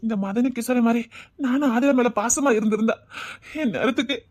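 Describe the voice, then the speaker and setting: A woman plays a grown village uncle who broods and blames himself, with a Tirunelveli Tamil accent, in a homemade comedy skit. The words tumble out fast in a slightly raised voice. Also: fairly high pitch, lightly acted. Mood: regretful. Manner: brooding, self-reproaching. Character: regretful grown man, the children's uncle.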